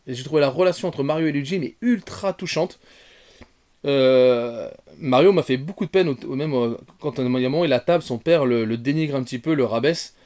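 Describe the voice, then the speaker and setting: A man giving an off-the-cuff film review, rambling with many fillers and restarts, talking straight to his viewers and jumping from soft asides to loud outbursts. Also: mid-range voice, fairly quick. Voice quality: bearded. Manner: addresses viewers directly. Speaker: retrogaming YouTuber.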